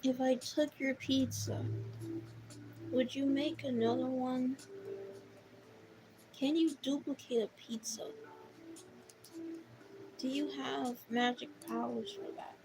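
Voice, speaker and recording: A woman's voice: sits high, fairly even intonation, takes it slowly, pauses often, background noise. A woman artist chatting casually and teasingly while she draws, giggling and tripping over repeated words. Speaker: artist streaming a drawing session. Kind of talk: casual chat while drawing.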